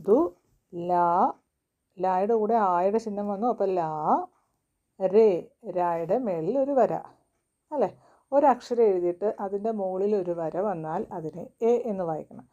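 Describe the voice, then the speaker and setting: Gentle woman teaching children. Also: medium pitch, muffled recording. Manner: slow, syllable-by-syllable spelling. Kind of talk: children's reading lesson.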